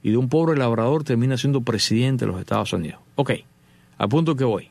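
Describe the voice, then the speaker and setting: Middle-aged man from Cuba, hosts a talk show, gravelly voice, tells stories with animation in a dry, close sound. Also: mid-range voice, brisk, no room sound. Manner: animated storyteller, acts out dialogue. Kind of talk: casual storytelling monologue.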